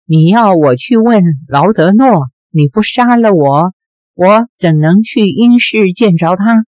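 A woman voicing a proud, hot-tempered young swordswoman who speaks in sharp accusations, in a slow, dry read. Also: mid-range voice, animated, no room sound, lightly acted. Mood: accusing.

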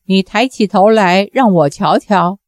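A woman's voice: mid-range voice, measured pace, no room sound, clean studio sound, close to an everyday voice. A woman voicing a fierce, embittered older mother who talks sternly and commands.

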